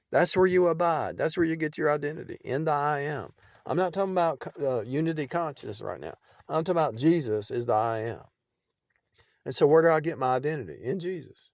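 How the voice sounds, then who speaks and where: A man's voice: fairly high pitch, no echo, clean studio sound. Man preaching in a rambling monologue. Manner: rambling, repetitive, with restarts and shifting loudness.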